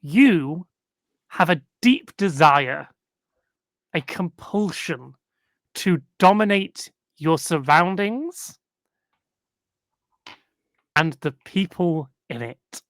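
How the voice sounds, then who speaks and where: A game master narrating a tabletop role-playing game in slow, deliberate bursts with frequent pauses and fillers. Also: medium pitch, animated, no room sound, studio quality.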